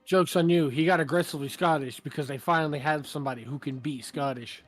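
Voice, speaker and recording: A man casually explaining and joking with friends over a game. His voice is husky, with faint music in the background. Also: a little high, quick pace, dry recording.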